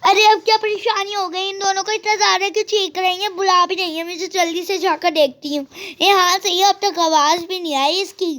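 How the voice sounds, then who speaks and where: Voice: extremely high pitch, fairly even intonation, a little fast, hardly any pauses, sharp tone. A girl voicing a stern, fussing mother who scolds her quarrelling daughters in a toy life-sim game role-play. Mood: scolding. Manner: bossy, fussing.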